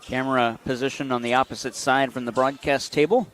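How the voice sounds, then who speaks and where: A man's voice: medium pitch, steady tone, a bit bright, a little hiss or hum. Man calling basketball play-by-play. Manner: brisk, calls plays in short bursts. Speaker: play-by-play announcer.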